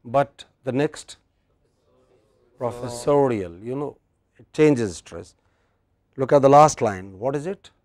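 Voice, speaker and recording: A man's voice: medium pitch, animated, a little slow, a little mellow. A man teaching English pronunciation in a lecture, patient, repeating phrases and checking that the class follows.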